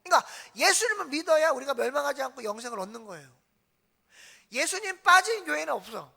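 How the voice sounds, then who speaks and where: A woman's voice: high voice, big pitch swings, quick pace, creaky, sharp tone. A woman pastor preaching a sermon in a church, asking the congregation questions and answering them herself. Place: church sanctuary.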